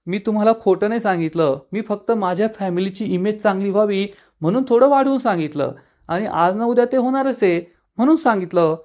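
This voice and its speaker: A man's voice: high-pitched, fairly quick, a little mellow, pitched above the performer's own voice, lightly acted. A man voicing a sheepish young husband pleading and making excuses after being caught lying.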